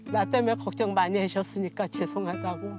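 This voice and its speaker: An interview guest in her sixties, a woman, relates personal anecdotes in conversation using plain, unpolished, homely language. Her mid-range voice keeps a fairly even intonation and runs fairly quick. There is music behind her voice.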